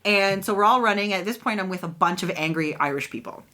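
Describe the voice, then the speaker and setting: A woman's voice: medium pitch, fast talker. A woman co-hosting a podcast, telling a long personal story in casual chat and acting out the voices of people in it. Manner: animated storyteller, acts out quoted voices. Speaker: podcast co-host.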